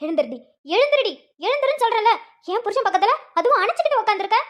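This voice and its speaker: Brief: squeaky, rapid-fire jealous cartoon wife, a woman voicing her, quick to scold. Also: big pitch swings. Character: jealous, hot-tempered young wife. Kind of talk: Tamil cartoon voice acting.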